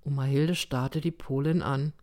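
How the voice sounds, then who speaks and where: A woman narrating a story in the first person, reading with a measured, even delivery. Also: a bass voice. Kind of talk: audiobook reading.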